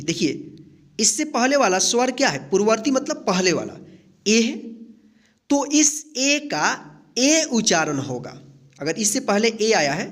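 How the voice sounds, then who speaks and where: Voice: medium pitch, fairly bright tone. A teacher giving a patient English pronunciation lesson, spelling words out letter by letter, asking how to read them and restating each rule. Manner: keeps checking in with "ठीक है?".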